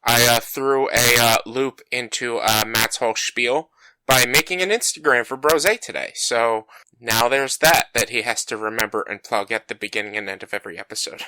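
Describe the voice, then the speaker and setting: A man with a bassy voice co-hosts a casual gaming podcast, rambling in a self-deprecating way with plenty of fillers. He speaks at a moderate pace in a pushed, bright tone, recorded on a home podcast mic with no room sound and low quality.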